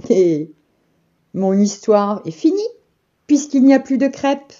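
A woman reading a children's story aloud in a measured, expressive way. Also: mid-range voice, lo-fi sound, noisy background.

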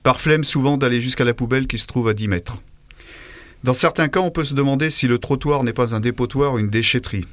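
A man's voice: mid-range voice, fairly quick, dry recording. A man hosting a radio column in a studio, jovial and chatty, often correcting himself. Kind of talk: radio chronicle with guests. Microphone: studio microphone.

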